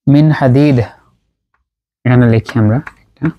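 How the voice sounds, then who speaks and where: Man, recitation teacher, board lesson, halting, repeats terms slowly, middle pitch. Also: fairly even intonation, lo-fi sound. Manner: patient, drills terms by slow repetition; halting, with frequent pauses and fillers. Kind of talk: explanatory lesson at a writing board.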